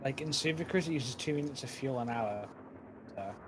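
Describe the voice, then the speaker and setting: A man's voice: mid-range voice, normal speed, background noise. A man talking casually with fellow players in an online voice chat, heard through a headset mic with an offhand, chatty manner.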